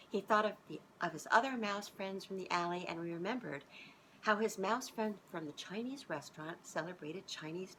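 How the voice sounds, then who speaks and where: Sitting on her sofa indoors, a woman in her fifties reads a kids' storybook with plenty of expression and casual asides to the children. She has a mid-range voice. The low-quality audio, from a camera a short distance away, has a little hiss or hum.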